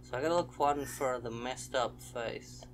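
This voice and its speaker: A man's voice: mid-range voice, moderate pace, background noise. A young man hosting a horror let's play, commenting as he goes and yelping at the scares. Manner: jumpy, exclaims and yelps at scares.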